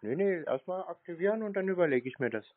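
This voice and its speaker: Talking fast in a high-pitched, animated voice, a man toys with a scam caller, casually teasing and refusing to budge. He's a prankster who takes these calls for fun. There's no echo, but the sound is narrow, like a phone line.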